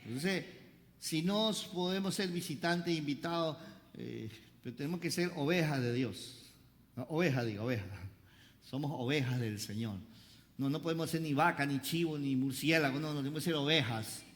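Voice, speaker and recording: A pastor preaching a sermon, having the congregation repeat lines after him, with playful joking asides. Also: male voice, fairly high pitch, moderate pace, a bit bright. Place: church service. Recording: reverberant church hall.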